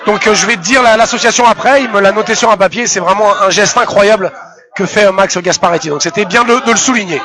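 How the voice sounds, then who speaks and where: A man's voice: sits high, fast. A man giving casual, chatty live fight commentary, often hesitating as he searches for words. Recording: loud crowd behind commentary.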